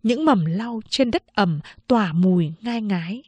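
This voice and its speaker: A woman narrating a novel in a steady, measured storytelling manner on a close microphone. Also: medium pitch, slightly rough, no echo, dull audio. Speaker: audiobook narrator.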